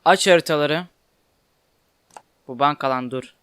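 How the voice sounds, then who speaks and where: A young man giving casual commentary while playing a game, chatty and quick to get frustrated and swear at it. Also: fairly high pitch, fairly bright tone, smooth, dry recording. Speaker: gaming YouTuber. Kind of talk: casual Let's Play commentary.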